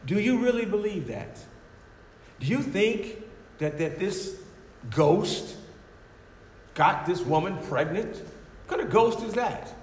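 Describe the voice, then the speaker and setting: A man's voice: high-pitched, lively intonation, slow pace, long pauses. A man voicing a scoffing male atheist who challenges a believer with mocking questions, in an echoey hall. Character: scoffing skeptical male atheist arguing at the door. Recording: echoey hall with faint noise.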